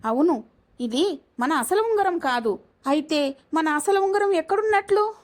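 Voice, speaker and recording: A woman's voice: very high-pitched, lively intonation, unhurried, voice pushed up. A woman voicing a stern, indignant elderly grandmother who heads the family.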